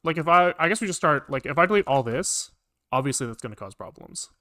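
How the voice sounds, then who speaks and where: While streaming his programming, a man thinks aloud in a casual way, muttering to himself, repeating phrases and swearing now and then, with typing and clicking audible behind him. His fairly high voice is expressive, quick and sharp, captured in a dry, studio-quality recording.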